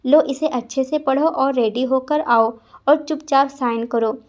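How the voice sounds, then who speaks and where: A woman voicing a calm, domineering young male mafia boss who speaks softly but gives orders. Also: sits high, unhurried. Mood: coaxing. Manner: soft-spoken, commanding.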